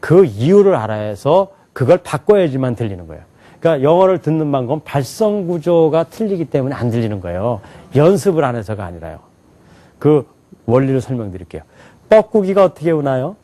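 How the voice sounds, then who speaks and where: A man teaching a class in a lively lecture style, often asking the students questions and laughing along. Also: mid-range voice, fairly quick. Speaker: English teacher at an alternative school.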